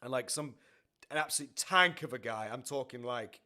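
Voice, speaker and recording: Man, reaction livestream host, rambling casual chat, lots of fillers, bright forceful voice. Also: medium pitch, moderate pace. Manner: rambling, animated, many fillers. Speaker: music reaction streamer.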